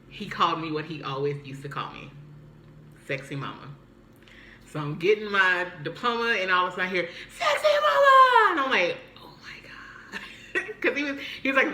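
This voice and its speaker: A young woman recounts her day in a casual vlog, animated and quick to mimic others. Her voice sits low yet sounds bright and forceful. The room rings with echo, and a faint hiss runs beneath. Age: young adult. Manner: animated, acts out quoted voices. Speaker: vlogger.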